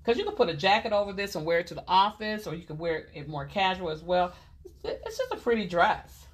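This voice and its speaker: A woman's voice: lowish voice, big pitch swings, fast. A woman hosting a casual live clothing sale from a boutique, chatty and repeating item numbers and prices. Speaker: host selling clothes on a live stream.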